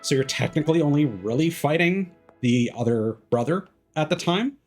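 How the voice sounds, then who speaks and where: Over faint music, this streamer's medium-pitched voice sounds expressive and somewhat dark, moving at a moderate pace. He offers casual, analytical gaming commentary on a livestream, wandering between ideas and frequently leaving thoughts unfinished.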